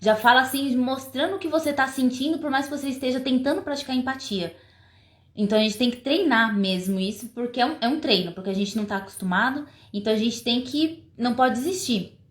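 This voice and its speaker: A woman's voice: fairly high pitch, fast, echoey room. A woman co-hosting a parenting talk, speaking conversationally with frequent tag questions. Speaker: parenting show co-host, mother. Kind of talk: casual couple conversation.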